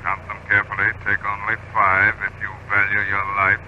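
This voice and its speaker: Man playing a calm mysterious magician, super deep smooth voice, noisy old radio tape. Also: dull audio, natural voice. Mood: commanding. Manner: smooth, unhurried, dreamy to commanding. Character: calm, mysterious male stage magician, commanding. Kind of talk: 1930s radio drama acting.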